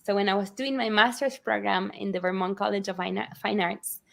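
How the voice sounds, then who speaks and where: Woman author, lively storyteller. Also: medium pitch, fairly quick, gravelly. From Argentina. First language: Spanish. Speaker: children's book author. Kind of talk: reading and interview chat.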